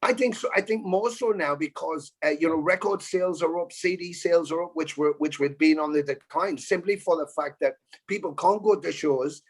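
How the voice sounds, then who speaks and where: Husky man on a video call. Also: fairly high pitch, a little fast. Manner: swears freely, talks in long runs. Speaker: metal musician guest. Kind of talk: casual video call chat.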